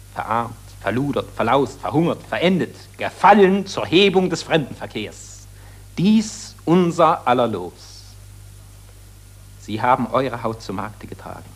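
In the style of 1940s German radio drama, a male actor with a medium-pitched, breathy-edged voice plays an impassioned satirist who accuses warmongers and summons the war dead. He declaims solemnly in a full character voice, steeped in grave grief.

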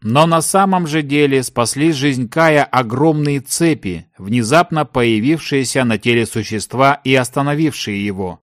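A man narrating a fantasy story in a dramatic, expressive reading. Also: medium pitch, a little slow, hardly any pauses, no room sound, clean studio sound. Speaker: audiobook narrator.

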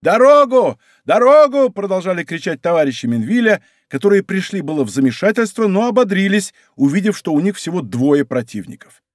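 A man reading a historical adventure novel aloud as a studio audiobook, with vivid, expressive storytelling. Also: sits high, quick pace, dry recording. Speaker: audiobook reader. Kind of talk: dramatic audiobook narration. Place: recording studio.

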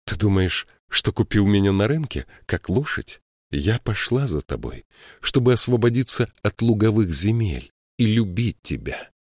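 A man voicing a proud, furious young woman who pleads and shouts in a raised voice. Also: on the low side, very animated, normal speed, dry recording, studio quality. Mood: bitter reproach.

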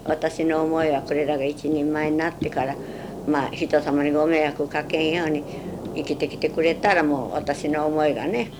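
An elderly woman with a western Japanese Chugoku accent, reminiscing in a plain-spoken, halting way during an interview. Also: deep voice, little pitch movement, background noise. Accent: western Japanese, Chugoku dialect. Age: 70s or older. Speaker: oral history interviewee.

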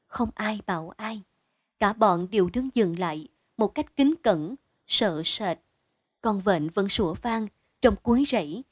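A woman narrates a short story in a steady, measured way. Her voice sits at an ordinary middle pitch. The recording is dry and close, with no room sound around it. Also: no echo. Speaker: audiobook narrator.

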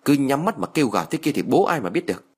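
A man voicing a harsh old peasant grandmother who curses and yells at her family. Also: mid-range voice, very animated, fast, slightly rough, voice pushed up. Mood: scolding. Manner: harsh, cursing, yelling.

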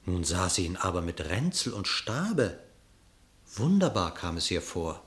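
With a deep voice, a man narrates a verse tale for a radio play, telling it in a measured, expressive and dramatic storytelling manner.

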